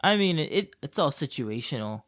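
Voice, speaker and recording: A man co-hosting a casual podcast, an English teacher who tells classroom stories with lively acted-out dialogue. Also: a little high, moderate pace. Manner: animated storyteller, acts out dialogue.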